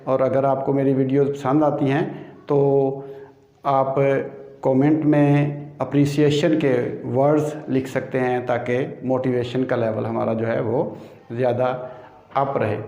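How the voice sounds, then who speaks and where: A man's voice: medium pitch, warm tone. A man teaching English pronunciation rules, explaining patiently step by step and repeating each key term. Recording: echoey room, dull lo-fi sound.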